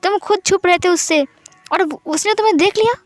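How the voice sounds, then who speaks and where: A woman voicing a suspicious young man who loudly presses his friend with questions. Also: extremely high pitch, fairly quick, dry recording, pitched above the performer's own voice. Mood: demanding.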